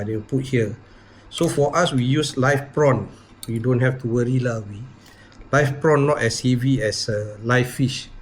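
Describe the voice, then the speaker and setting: A man's voice: medium pitch, a little hiss or hum. Malaysian man speaking casual slang English. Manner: colloquial Malaysian slang English with clipped phrases and lah particles. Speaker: angler demonstrating rigs. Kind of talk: casual fishing tutorial chat.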